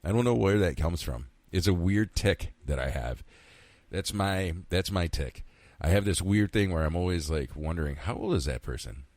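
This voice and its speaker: A man's voice: low-pitched, lively intonation, moderate pace, darkish tone, no room sound. A man in his fifties from central New York, hosting a casual solo podcast, rambling and candid, swearing freely and talking to himself. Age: 50s. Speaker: podcast host.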